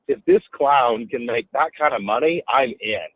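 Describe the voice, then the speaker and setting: Over tinny, phone-quality audio with no room sound, a real estate businessman appearing as a guest narrates a story in a relaxed interview. His medium-pitched voice moves at a moderate pace, and he animatedly voices other people's quotes, louder than his own speech.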